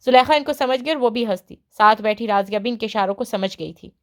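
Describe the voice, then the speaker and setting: A woman narrates a novel for an audiobook with an expressive storytelling delivery. Her voice sits slightly high.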